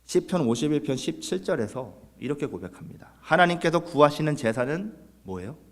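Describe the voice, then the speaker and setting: A man's voice: fairly high pitch, very animated, brisk, big-room sound. A man preaching a Sunday sermon as pastor, earnest, putting rhetorical questions to his congregation. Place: church sanctuary.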